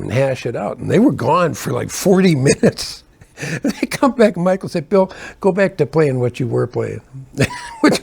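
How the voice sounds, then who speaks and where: A man's voice: fairly high pitch, gravelly, darkish tone, slightly rough. An older man, a keyboard player, telling stories from his touring days in a casual, rambling way, often correcting himself and chuckling between asides. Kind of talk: casual anecdotal storytelling.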